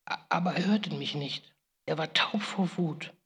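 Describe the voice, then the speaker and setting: A woman's voice: sits low, a little slow, fairly bright tone, in a large hall. Rebekka, a woman playing a grieving biblical mother. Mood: solemn lament. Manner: solemn, grave, with sudden pleading outbursts. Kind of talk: dramatic first-person monologue.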